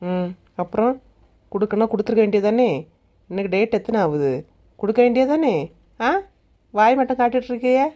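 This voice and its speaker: A woman's voice: fairly high pitch, fairly quick, pauses often, natural voice. A woman playing a blunt, taunting young village woman. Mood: demanding. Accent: Kanyakumari Tamil. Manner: sharp, taunting.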